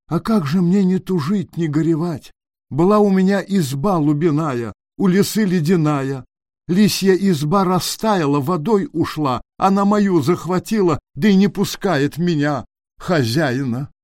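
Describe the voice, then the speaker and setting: A man's voice: on the high side, a little slow, darkish tone, dry recording, studio quality, pitched above the performer's own voice, close to an everyday voice. A man voicing a frightened, weepy little male hare in a storybook tale, pleading plaintively.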